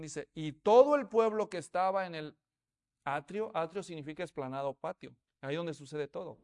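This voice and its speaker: Animated pastor preaching. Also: male voice, sits high. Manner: animated storytelling, acts out voices of townspeople. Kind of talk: sermon.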